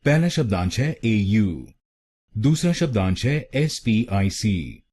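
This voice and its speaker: A man with an Indian accent giving a scripted pronunciation lesson, spelling out syllables and repeating each one in a measured way. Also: lowish voice, warm tone, husky. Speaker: pronunciation teacher.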